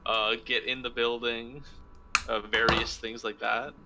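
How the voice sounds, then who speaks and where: A man's voice: mid-range voice, little pitch movement, unhurried, heavy background noise. A man playing a tabletop game, thinking aloud with lots of fillers as he plans his moves. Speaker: player.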